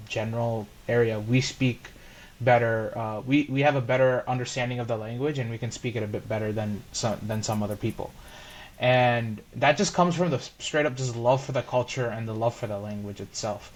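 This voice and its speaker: A man in his twenties from Ohio with an American accent, talking in a relaxed, chatty way and saying "like" often. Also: mid-range voice. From Columbus, Ohio, USA. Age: 20s. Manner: relaxed, chatty, says "like" and "bro". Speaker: co-host. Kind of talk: casual chat.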